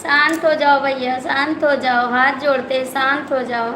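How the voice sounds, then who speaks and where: A woman with an Awadhi accent hosting a live stream, pleading again and again with her viewers to calm down. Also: high-pitched, normal speed. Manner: pleading, repeatedly calming viewers. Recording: echoey room with background noise.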